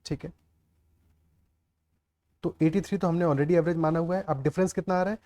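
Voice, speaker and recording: Higher-voiced man teaching maths. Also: fairly even intonation, normal speed, warm tone. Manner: explains aloud, often checks the class with "clear?" and "okay". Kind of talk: step-by-step maths lesson.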